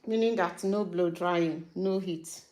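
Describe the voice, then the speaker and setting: A woman talking casually through a hair care tutorial, relaxed and chatty, with fillers as she works. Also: lowish voice, takes it slowly.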